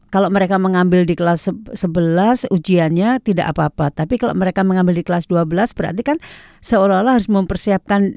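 A woman's voice: lowish voice, dark tone, no room sound, studio quality. A woman conducting a conversational interview with polite, chatty questions.

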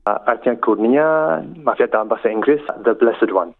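A man, an English speaker speaking Indonesian as a foreigner, answering haltingly in a radio interview. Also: mid-range voice, expressive. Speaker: interview guest, army captain and language student. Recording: narrow phone-like sound.

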